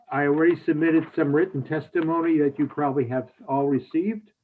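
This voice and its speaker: A man from Hungary, a state representative, giving measured, formal testimony to a committee over a video call. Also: a little high. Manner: measured, formal, with small restarts. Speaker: state representative, bill sponsor. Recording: tinny phone-like audio.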